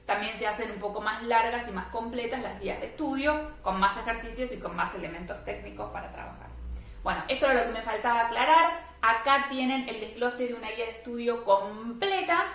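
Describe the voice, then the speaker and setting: A woman's voice: on the high side, a little fast, fairly bright tone. A woman teaching violin step by step, patiently explaining and checking in with her students. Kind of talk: step-by-step music lesson. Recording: very echoey room.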